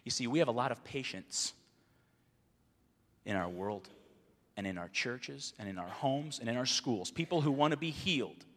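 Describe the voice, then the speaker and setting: A man delivers a sermon at a middle pitch, sinking to near-hushed lines and then climbing to loud, emphatic ones. His voice carries the long reverb of a large hall. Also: animated, normal speed, pauses often. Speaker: preacher.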